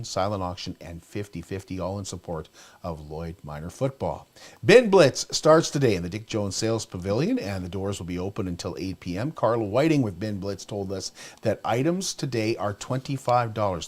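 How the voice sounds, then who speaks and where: A man's voice: fairly low pitch, a little mellow. A man hosting a local community news show, reading announcements and sponsor spots in an upbeat announcer style.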